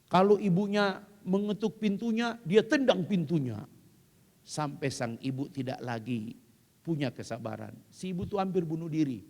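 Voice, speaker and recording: A high-voiced male preacher delivers an impassioned sermon, telling stories dramatically and swelling to shouts. His voice has a gravelly edge and rings out with a long hall reverb. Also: lively intonation, moderate pace. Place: women's study gathering hall.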